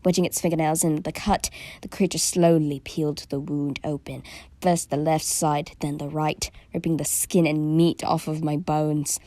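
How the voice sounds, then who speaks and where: A woman with a low, dark, mellow voice reads a first-person horror story, sinking into a hushed near-whisper whenever the tension builds. The recording is dry and close, with no room sound at all. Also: little pitch movement, moderate pace, no echo. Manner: drops to a hushed near-whisper at tense moments.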